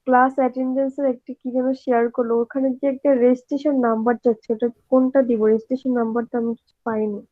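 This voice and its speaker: Bangladeshi woman student, high voice, hesitant questions, muffled dry audio. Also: little pitch movement, fast, dry recording. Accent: Bangladeshi Bengali. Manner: hesitant, searching for words. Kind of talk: asking questions in online class.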